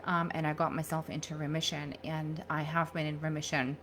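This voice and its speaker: A middle-aged woman talks to a live-stream audience into her own microphone. Her voice sits a little low, and her delivery is chatty and upbeat, with plenty of fillers. A faint hum of room noise sits under it. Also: little pitch movement, brisk, fairly bright tone. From Germany. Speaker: holistic nutritionist hosting a live challenge.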